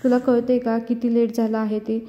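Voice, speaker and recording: A woman's voice: on the high side, flat delivery, normal speed, dark tone, dull audio, close to an everyday voice. A woman voicing a worried young man who anxiously pleads with his fiancée, heard with long reverb.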